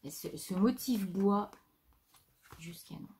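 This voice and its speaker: Slow, warm and husky in the middle register, a woman from France walks through her craft haul at home in a loose, chatty way, breaking off to address her pet. A faint hum of background noise is present.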